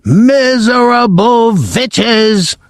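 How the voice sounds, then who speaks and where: A man reading aloud and voicing a tyrannical female witch leader who screams slowly in stiff, clipped phrasing. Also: very high-pitched, expressive, no room sound, clean studio sound, voice pushed up, exaggerated voice. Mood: furious. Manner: slow, screaming, clipped foreign-sounding syntax.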